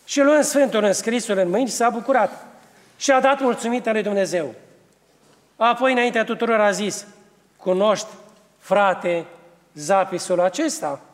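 A man's voice: very high voice, long reverb tail. A man preaching, reading a saint's life aloud in a solemn manner with small restarts.

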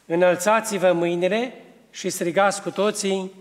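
A man's voice: high voice, fairly even intonation, in a large hall, natural voice. A man voicing a stern old holy bishop who rebukes a devil, in a solemn preaching cadence.

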